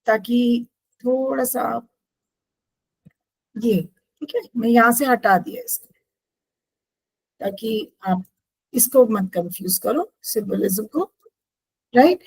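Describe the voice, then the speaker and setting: A woman's voice: fairly high pitch, slow, vocal fry, long pauses, a little mellow, breathy edge, dry recording, poor audio. A woman teacher explaining poetry devices to a class, patiently checking in with her students.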